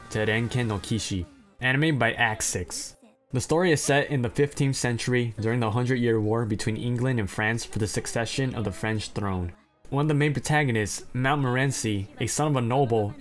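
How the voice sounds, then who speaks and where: A man narrating a ranked anime list, reading plot summaries and breaking off into blunt, profane, self-deprecating asides. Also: mid-range voice. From China.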